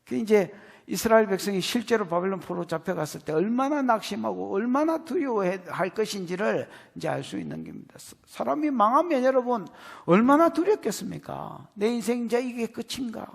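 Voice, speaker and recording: Brief: folksy Gyeongsang male pastor preaching, raspy and gravelly, pitch jumping all over, reverberant sanctuary. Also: big pitch swings, fairly quick, hardly any pauses. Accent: Gyeongsang Korean. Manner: emphatic, folksy, addresses the congregation directly. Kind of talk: sermon. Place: church sanctuary. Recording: long reverb of a church hall.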